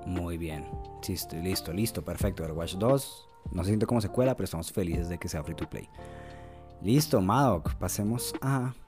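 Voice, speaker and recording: A man's voice: deep voice, normal speed, over music. A man co-hosting a casual gaming podcast, joking and laughing often. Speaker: podcast co-host. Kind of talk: casual chat.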